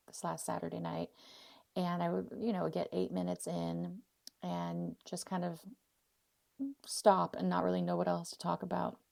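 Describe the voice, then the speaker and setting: In a fairly low, gravelly voice with a warm tone, a 39-year-old American-accented woman talks spontaneously on her personal solo podcast. Born in Poland and now from Arizona, US, she speaks in effusive, heartfelt, spiritual terms. The sound is clean studio quality with no echo.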